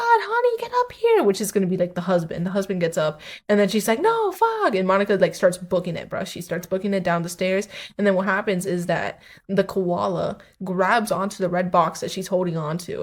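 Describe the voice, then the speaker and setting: A woman giving a profane, rambling, unscripted talk about a comic with many restarts. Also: mid-range voice. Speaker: video creator.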